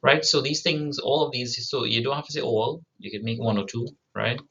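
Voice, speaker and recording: A man's voice: mid-range voice, normal speed, creaky, a bit bright, muffled recording. A man giving a recorded lecture to students, often checking in with "right?" and restarting his sentences. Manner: frequent "right?" tag questions, restarts.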